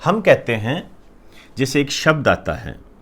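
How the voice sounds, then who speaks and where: Slow, deliberate male teacher. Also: medium pitch, sing-song, fairly bright tone. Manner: slow, repetitive, often checks with "clear?". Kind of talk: classroom lecture.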